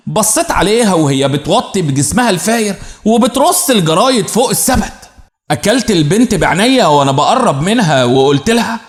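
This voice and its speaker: A man with an Egyptian accent narrating a dramatic first-person story with intense, repetitive phrasing. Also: high voice. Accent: Egyptian Arabic. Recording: roomy echo.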